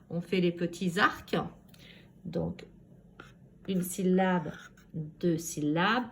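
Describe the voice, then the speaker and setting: A primary school teacher with a mid-range voice works from home, teaching phonics to young children. She pronounces every syllable slowly and with care.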